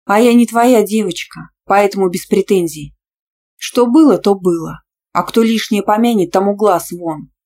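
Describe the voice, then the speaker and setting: A woman's voice: mid-range voice, moderate pace, lightly acted. A woman voicing a young female student who answers back sharply and defiantly. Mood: indignant. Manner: sharp, defiant, easily outraged.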